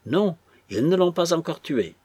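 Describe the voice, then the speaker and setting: A man's voice: a little high, very animated, unhurried, darkish tone, husky, no echo, pitched above the performer's own voice, exaggerated voice. A man voicing a composed young woman stranger who answers in short, unmoved replies. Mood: cold.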